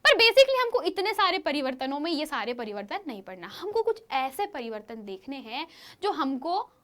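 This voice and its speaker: A woman teaching a science lesson to schoolchildren, with a lively, questioning manner, often asking the class to answer. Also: high voice, moderate pace. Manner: lively, questioning, addresses pupils as children.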